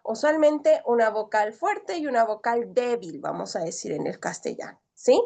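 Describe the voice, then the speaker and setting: A woman's voice: on the high side, lively intonation, normal speed, gravelly, warm tone. A woman teaching a language class who explains patiently, asks her students questions and keeps checking that they follow. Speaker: Greek teacher. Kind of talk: online class lecture.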